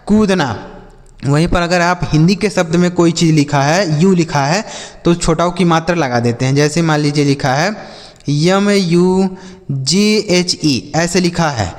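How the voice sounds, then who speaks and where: A man with a Hindi accent teaching children to read English, spelling out letters slowly and then asking and answering his own questions. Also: high voice, long reverb tail.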